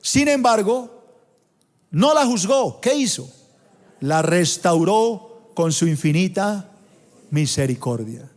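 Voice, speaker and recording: Emphatic Colombian preacher in a church hall. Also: male voice, high-pitched, very animated. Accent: Colombian Spanish. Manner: emphatic preaching, slowing down to stress scripture quotes. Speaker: pastor. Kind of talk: sermon. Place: large church auditorium. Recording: long hall reverb.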